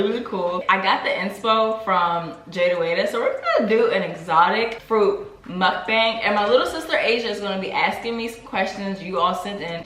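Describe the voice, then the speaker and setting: A woman's voice: mid-range voice, a bit bright, a little hiss or hum. A young adult woman hosting her own vlog, chatting casually and laughing while she eats. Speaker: vlogger host. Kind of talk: casual chat while eating. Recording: roomy home recording.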